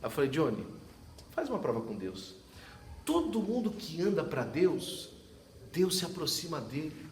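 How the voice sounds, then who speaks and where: A pastor preaches at a church service, telling a story and acting out both sides of a conversation, laughing now and then. His voice sits a little high for a man. He sounds distant, with the reverb of a large church and a faint hum in the background. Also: very animated, moderate pace, pauses often. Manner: storytelling, acts out dialogue, laughs often. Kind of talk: sermon.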